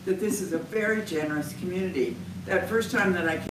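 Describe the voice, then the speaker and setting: A woman's voice: fairly low pitch, fast. A woman moderating a roundtable meeting, introducing people with chatty, laughing asides. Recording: echoey room, distant mic, background noise.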